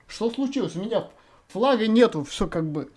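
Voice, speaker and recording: He has a high, expressive, darkish voice and speaks at normal speed. Vlogging from random video chats, the Russian man thinks aloud for his audience in a halting, rambling manner packed with filler words.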